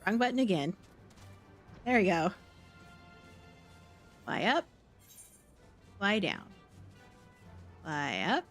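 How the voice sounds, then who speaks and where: A woman's voice: medium pitch, very animated, slow, pauses often, soft background music. A woman streaming a game live, chatting playfully to herself and humming along. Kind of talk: live gameplay chat.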